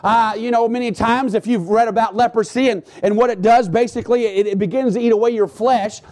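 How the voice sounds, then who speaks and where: A man as pastor, preaching a sermon with frequent halting restarts and repeated words. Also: very high-pitched, fairly even intonation, darkish tone.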